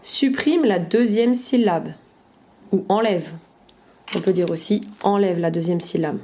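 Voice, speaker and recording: A woman teacher calmly explaining step-by-step phonics games for parents to play with their children. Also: mid-range voice, unhurried, slight background noise. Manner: clear, methodical, demonstrating with hand gestures. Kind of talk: explanatory lesson. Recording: dull lo-fi recording.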